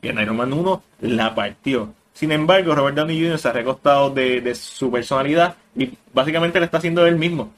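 A man's voice: mid-range voice, a little fast, hardly any pauses. A man co-hosting a casual podcast chat, opinionated and mixing English words into his talk. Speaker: podcast co-host.

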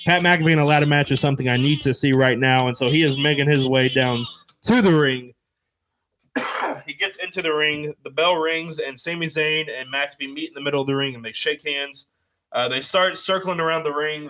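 An excitable man calls the action of a wrestling video game play by play. His voice sits a little high, and he trips over fillers and corrects himself as he goes. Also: rough recording. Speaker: commentator.

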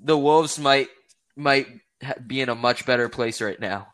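A man's voice: medium pitch, moderate pace, fairly bright tone, clean tone. A man co-hosting a casual sports podcast, steering topics and keeping score. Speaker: podcast co-host.

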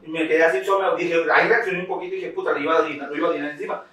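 Bright-voiced man telling a story. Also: fairly high pitch, rapid-fire, slight background noise. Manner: animated, laughing, slangy, acts out voices. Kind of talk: casual storytelling chat. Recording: echoey room, mic far off.

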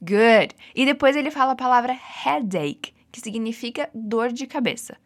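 A woman's voice: on the high side, expressive, moderate pace. A woman with a Brazilian Portuguese accent teaching English phrases, patient and encouraging as she drills repetitions. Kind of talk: guided language lesson.

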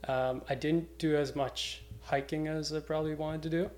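A man's voice: a little high, steady tone, normal speed, darkish tone. A young man, chatting casually and informally as a podcast guest. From Cape Breton, Canada. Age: young adult. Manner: loose, informal, swears casually. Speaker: podcast guest, climbing route setter. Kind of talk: casual chat.

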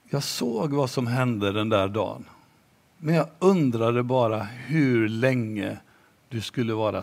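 A man voicing a kindly, patient old grandmother in a story, speaking gently and slowly. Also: medium pitch, gravelly, natural voice.

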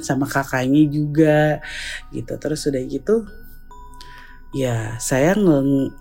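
A woman podcast host telling a first-person ghost story, jumping into a high, worked-up voice when she acts out her own lines. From Indonesia. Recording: soft music behind.

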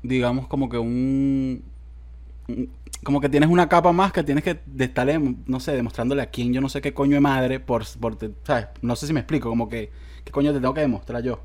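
A man's voice: medium pitch, brisk, darkish tone. A man with a Venezuelan accent chats casually in a mid-range voice. He jokes around and leans heavily on slang. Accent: Venezuelan Spanish. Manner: joking, slangy banter. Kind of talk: casual podcast conversation.

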